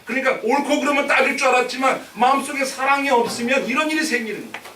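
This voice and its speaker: A man's voice: extremely high pitch, fast talker, pushed and bright, slight background noise. A male pastor giving a live Sunday sermon in a conversational, storytelling way, acting out the voices of people in his stories. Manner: conversational storytelling preaching, acting out quoted speech. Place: church sanctuary. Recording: roomy live church recording from a distant mic.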